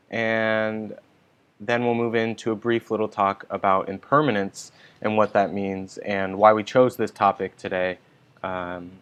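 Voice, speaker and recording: A man leading a guided meditation online, giving calm, gentle, unhurried instructions. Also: on the low side, clean tone. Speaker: meditation teacher. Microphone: online stream mic.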